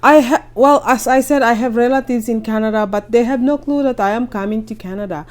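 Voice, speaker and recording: A woman vlogs to camera from her home in Canada, offering casual advice about caregiver jobs in a chatty, encouraging way and often checking in with her viewers. Her voice is fairly high and her pace fairly quick.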